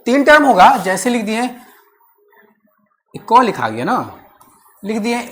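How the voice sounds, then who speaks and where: A woman's voice: on the high side, big pitch swings, a bit bright, slight background noise. Woman teaching a class. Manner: keeps checking understanding, repeats phrases slowly while dictating. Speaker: maths teacher. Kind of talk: classroom lecture with dictation.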